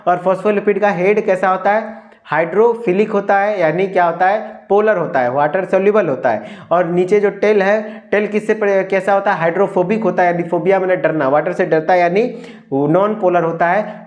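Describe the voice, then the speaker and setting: A young man with a Hindi accent giving an exam-prep lecture as a pharmacy tutor, asking questions and answering them himself and repeating key terms. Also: high-pitched.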